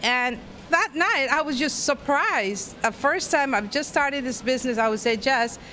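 A woman's voice: high voice, lively intonation, unhurried, sharp tone, slight background noise. Chatty middle-aged woman from Guyana. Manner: chatty and effusive, rambling with restarts. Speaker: interviewee, festival volunteer. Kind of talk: red-carpet interview. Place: indoor event in front of a step-and-repeat banner. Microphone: handheld.

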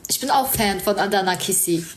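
A woman's voice: mid-range voice, expressive, a little fast, a little hiss or hum. A young woman chatting casually on a livestream with a stuffy nose, thanking viewers and giving them advice. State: stuffy nose, sore throat.

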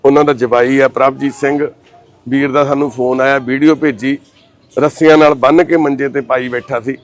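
A man speaking in a gentle, reassuring, fatherly tone as a social service volunteer. He talks plainly and informally, moving between comforting words and a steady explanation to the camera. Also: medium pitch, normal speed. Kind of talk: consoling talk and on-camera explanation.

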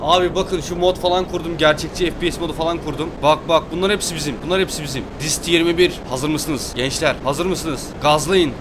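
An excited young man narrates his gameplay in quick, exclamatory bursts, his voice sitting a bit high. He talks straight to his viewers. Loud game sounds run under his voice. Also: background noise. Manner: hyped, exclamatory, addresses viewers as friends. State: fasting. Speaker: gaming YouTuber.

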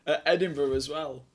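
Young guy on stream doing atc, chatty n excited then calm on the radio. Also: on the high side. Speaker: air traffic controller streamer. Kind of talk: casual streaming chat and radio calls.

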